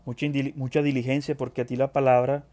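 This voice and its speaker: A man preaching a sermon, reading scripture passages aloud and then dropping to quieter asides to the congregation. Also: mid-range voice, level tone, fast.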